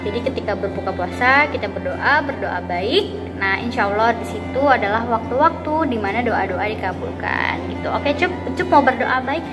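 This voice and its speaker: A woman with a fairly high voice plays teacher in a children's puppet show. She explains simply, repeating phrases and questions, with faint music behind her. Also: expressive, normal speed, few pauses. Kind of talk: educational storytelling dialogue for children.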